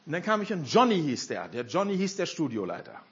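An older man preaching a sermon, animated and throwing rhetorical questions at the congregation. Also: on the high side, quick pace, husky. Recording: dull lo-fi sound.

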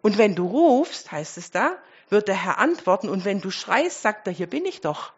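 A woman preaching a sermon, speaking straight to her congregation with rhetorical questions and moving between loud emphasis and quiet asides. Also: medium pitch, sing-song, moderate pace, husky, highs cut off.

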